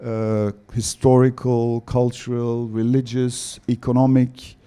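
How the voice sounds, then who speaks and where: Slow, dark-voiced male panelist. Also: medium pitch, little pitch movement, clean tone. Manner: slow, halting, many fillers. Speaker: panelist, former diplomat. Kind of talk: panel discussion answer.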